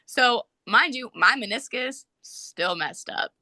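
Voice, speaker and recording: A young woman and soccer player, a podcast guest, telling a story in casual, animated talk full of "like"s. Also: fairly high pitch, no echo. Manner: animated, fast storytelling with many "like"s.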